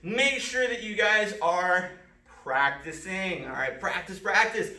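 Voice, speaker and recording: A man, a martial arts instructor, calling out self-defense moves step by step in an empty martial arts school, with sharp shouts on the strikes. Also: sits high, takes it slowly, echoey room, recorded from a distance. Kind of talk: filmed self-defense lesson.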